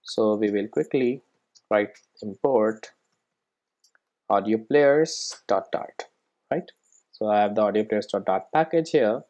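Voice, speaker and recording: With a medium-pitched voice and lo-fi sound, this presenter walks through a software tutorial step by step. The tone is informal, and the listener gets checked on often.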